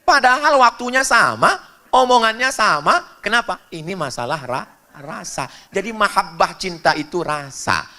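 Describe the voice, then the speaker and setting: A man from Indonesia preaching a lively sermon to a congregation, jumping up in pitch for emphasis and jokes. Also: normal speed. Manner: animated, jumps high in pitch for emphasis and jokes.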